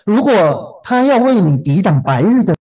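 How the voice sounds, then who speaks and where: Gentle husky male preacher, lively pitch. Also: moderate pace, highs cut off. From southern China. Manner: gentle, repeats words when starting a thought. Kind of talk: sermon.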